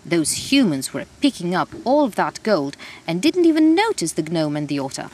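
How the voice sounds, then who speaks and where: Lively woman reading a children's story. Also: fairly low pitch, moderate pace, slight background noise. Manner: animated, expressive.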